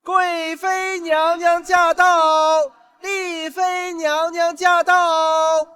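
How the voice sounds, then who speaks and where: An actress playing a palace herald who announces royal arrivals in a drawn-out ceremonial call. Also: female voice, extremely high pitch, little pitch movement, a bit bright, no echo, studio quality, exaggerated voice.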